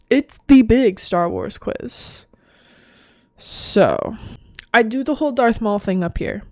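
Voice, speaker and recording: Young woman vlogging a quiz, kinda tired, giggly, slow talker, dry sound. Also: a little high, a little mellow, dry recording. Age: young adult. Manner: giggly, self-mocking. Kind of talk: casual chat doing a quiz.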